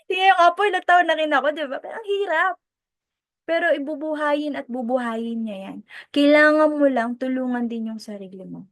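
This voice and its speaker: Filipino lady mentor telling her success story, high voice, dry close sound. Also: normal speed, dry recording. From Philippines. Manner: animated storytelling, mixing Tagalog and English. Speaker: direct-selling team mentor. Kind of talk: motivational testimony talk.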